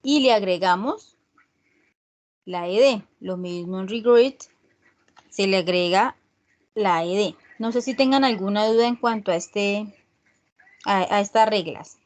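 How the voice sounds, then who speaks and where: A woman teaching an online English class, explaining rules slowly and checking in with her students often. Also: medium pitch. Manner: slow, repeats "¿sí?" checks with students. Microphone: video call.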